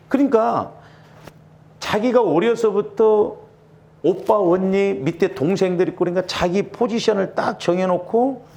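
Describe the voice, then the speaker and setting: Middle-aged male pastor, homespun anecdotal sermon delivery, slightly high pitch. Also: creaky, darkish tone. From Jeolla, Korea. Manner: folksy storytelling with asides and rhetorical questions. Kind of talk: conversational sermon.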